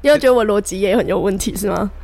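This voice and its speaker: A woman's voice: medium pitch, very fast, vocal fry, a little mellow. A young woman co-hosting a podcast, telling a personal story in casual chat and acting out the voices of the people in it. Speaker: podcast co-host. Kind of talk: casual chat between friends.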